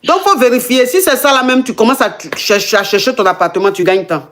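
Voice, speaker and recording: A woman with a fairly high voice works as a coach on a call-in show. She talks casually and emphatically, repeating key phrases as she gives advice. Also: fast talker, fairly bright tone, slight background noise. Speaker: relationship coach and call-in host.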